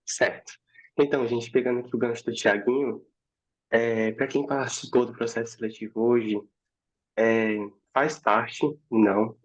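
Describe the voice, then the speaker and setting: A man's voice: medium pitch, poor audio. A man hosting an online class, encouraging and checking in with listeners often, with a cold affecting his voice. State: has a cold, voice may crack. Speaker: class instructor. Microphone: video call.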